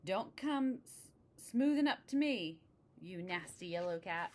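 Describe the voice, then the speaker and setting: A woman's voice: on the low side, sing-song, moderate pace. A woman voicing a cranky old witch who shrieks and scolds in a screechy, cackling voice. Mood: angry shrieking.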